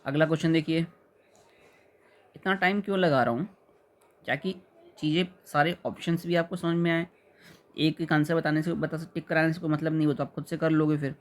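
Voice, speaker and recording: Man teaching spelling, fairly high voice. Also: steady tone. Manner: explains patiently, repeats words slowly and checks understanding. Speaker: exam prep teacher. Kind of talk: spelling lesson for exam students.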